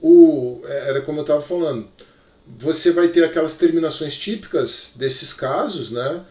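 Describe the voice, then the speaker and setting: A man's voice: a little high, moderate pace, darkish tone. A male teacher with a Brazilian Portuguese accent, giving a recorded lesson in an explanatory way, full of little check-in fillers. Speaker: Greek teacher. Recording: echoey room, voice from far off.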